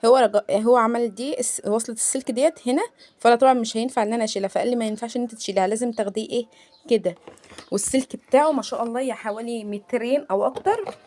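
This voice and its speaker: A young woman with an Egyptian accent, chatting excitedly in a casual unboxing vlog, gushing and rambling, filmed on a handheld phone. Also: on the high side, rapid-fire. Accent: Egyptian Arabic. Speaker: vlogger. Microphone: phone held in hand.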